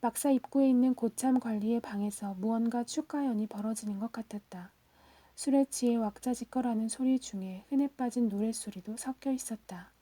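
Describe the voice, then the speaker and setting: Brief: woman, whispered audiobook reading, slightly high pitch, close and dry sound. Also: a little fast, dry recording. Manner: soft, hushed, steady reading. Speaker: audiobook reader.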